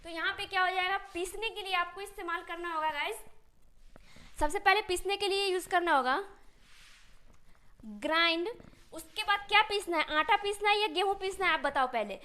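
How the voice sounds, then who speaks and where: A woman teaching spoken English in Hindi. She keeps asking the class questions and answering them herself, and she slows down to spell out each English phrase. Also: very high-pitched, bright, forceful tone.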